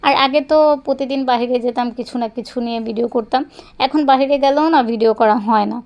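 Young mom vlogging outdoors on her phone, quick chatty talk, lots of filler, high voice. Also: steady tone, a little mellow, clean tone. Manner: chatty, rambling, fond of filler phrases. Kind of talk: casual vlog narration while walking. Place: outdoors on a neighborhood walk.

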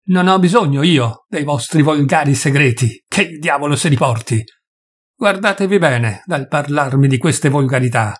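A man voicing a furious, grieving male doctor who shouts and hammers out each word, with a husky voice. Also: a little high, normal speed.

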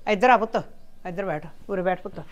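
A woman's voice: mid-range voice, fast talker, muffled recording, natural voice. A woman playing an elderly village mother in a comedy drama, speaking with a Malwai Punjabi accent, insistent and defensive. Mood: coaxing. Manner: insistent, exclaiming, coaxing with her sons.

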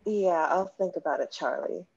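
A woman's voice: lowish voice, moderate pace, creaky, a little mellow, breathy edge, highs cut off. A woman reading the part of a sassy, confident young woman singer at a script read-through. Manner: sassy, cutting.

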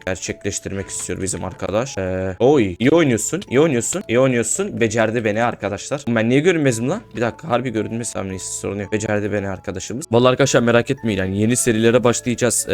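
A young man casually commentating his own gameplay, excitable and repeating words in quick bursts. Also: lowish voice. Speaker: gaming YouTuber.

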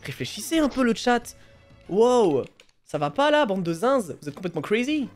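A woman streaming a game live, chatting casually and excitably with her audience and her co-player, often breaking into laughter. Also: a little high, normal speed, soft background music. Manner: excitable, bursts of laughter, teasing. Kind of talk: casual live-stream chat while gaming.

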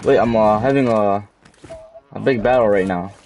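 A man's voice: lowish voice, normal speed, a little mellow, recorded from a distance, soft background music. A man streaming a game and chatting casually with friends in slangy, bragging banter over voice chat. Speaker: gamer live streaming. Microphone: gaming voice chat.

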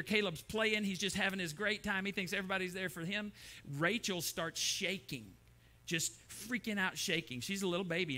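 A middle-aged pastor's voice is a little high, bright and forceful as he preaches in the church sanctuary. His sermon unfolds through anecdotes in which he acts out the different voices.

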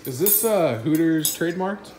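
A man's voice: a little high, lively intonation, normal speed, echoey room, loud music behind the voice. A man joking with his wife and child in laid-back family banter, with dishes clattering in the background. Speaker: husband. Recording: dishes and cutlery clatter behind.

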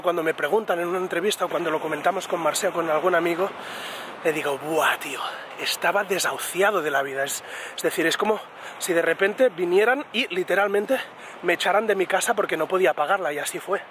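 High-pitched man vlogging outdoors. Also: quick pace, a little hiss or hum. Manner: animated, swearing, motivational rambling. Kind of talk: casual vlog monologue while out running. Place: outdoors by the sea at night. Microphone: camera held in hand while on the move.

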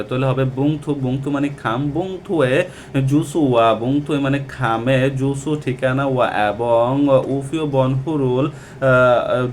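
A man teaching Korean vocabulary from a textbook, talking slowly and repeating each word with many hesitations. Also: medium pitch, slight background noise. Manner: slow and repetitive, with many hesitations. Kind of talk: textbook lesson explaining vocabulary.

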